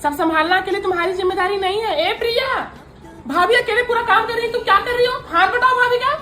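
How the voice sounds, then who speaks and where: A woman playing a doting, bossy mother-in-law in a comedy sketch, fussing and giving quick commands. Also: sits high, lively intonation, a bit bright, faint music behind. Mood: scolding. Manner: scolds and fusses in quick commands. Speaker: comic sketch actor.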